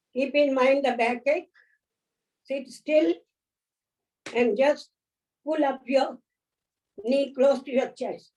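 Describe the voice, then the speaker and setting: A woman leading a yoga class, giving gentle, unhurried instructions, counting holds and offering encouragement. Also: high-pitched. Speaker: yoga teacher. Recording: voice from a distance off the mic.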